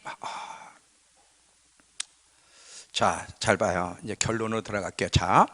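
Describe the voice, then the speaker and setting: A man's voice: on the low side, steady tone, unhurried, sharp tone, slightly rough. A male pastor preaching a sermon in a conversational way, often putting questions to his congregation. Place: church sanctuary. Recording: church hall with long reverb.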